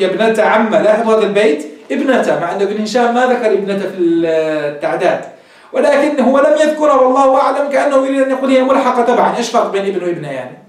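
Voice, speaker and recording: Male teacher, brisk classroom lecture, heard from far off in a very echoey room. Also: extremely high pitch. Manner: explains step by step, quizzing students. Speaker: teacher of Arabic grammar.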